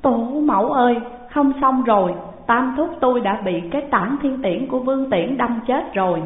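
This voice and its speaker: A woman acts out a young grandson, weeping and urgent, with his voice pitched up and louder. It sounds thin and phone-like in a long hall echo. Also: fairly quick, close to an everyday voice. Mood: distraught. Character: distraught young grandson kneeling in tears.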